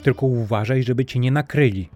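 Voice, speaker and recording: A man voicing an honest, careful poor man from a storybook who gives hushed warnings. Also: mid-range voice, fairly quick, soft background music, natural voice. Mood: worried.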